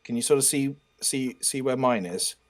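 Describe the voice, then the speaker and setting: A man casually talking a teammate through wiring a small robot over a video call, stopping and restarting as he explains. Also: medium pitch. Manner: halting, restarts often while explaining. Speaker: robot builder guiding a teammate.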